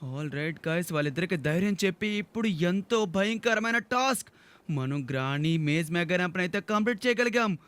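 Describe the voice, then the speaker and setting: A man giving theatrical, excitable commentary on a game video aimed at children. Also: sits high, moderate pace, smooth. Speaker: gaming video narrator.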